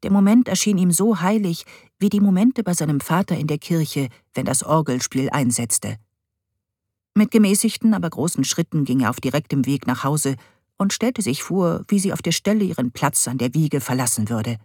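A woman reads a story aloud in a lively, expressive way. Her pitch moves a great deal from line to line. The recording is dry and close. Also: normal speed, husky, dry recording. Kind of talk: storybook reading.

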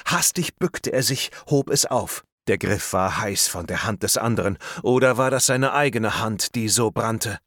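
A man reading a thriller audiobook aloud in a tense, measured storytelling manner. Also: lowish voice, a bit bright, no room sound, studio quality. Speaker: audiobook narrator. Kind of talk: scripted narration of a thriller.

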